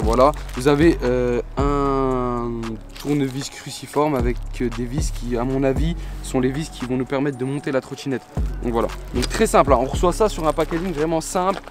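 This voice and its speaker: Male vlogger, mid-pitched, casual street-slang chat to his mates on camera, clear music behind. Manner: informal urban slang, addressing viewers as mates. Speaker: YouTube vlogger presenting a product unboxing.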